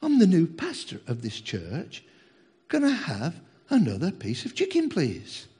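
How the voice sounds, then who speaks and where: A self-important new pastor, politely insistent and growing affronted, as a preacher acts him out. His voice rides high and lively, with a husky edge. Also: a little slow, heavily acted. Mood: indignant.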